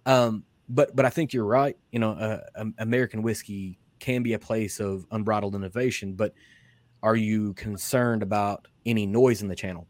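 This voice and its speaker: A man's voice: fairly low pitch, a little mellow, no room sound. A man hosting a whiskey podcast interview, talking in a rambling, casual way with many restarts and fillers. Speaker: podcast host.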